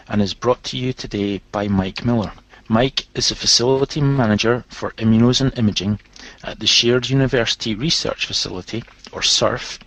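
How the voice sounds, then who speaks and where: A man introducing a web seminar and its speaker in a formal, measured way. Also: mid-range voice, a bit bright, no room sound. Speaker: webinar host. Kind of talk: scripted introduction. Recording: dull, dry lo-fi web audio.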